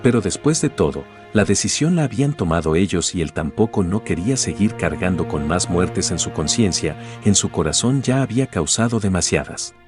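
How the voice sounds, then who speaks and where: A man reading a fantasy story aloud in a dramatic, measured way. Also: sits low, lively intonation, over music. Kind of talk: scripted narration of a fantasy story.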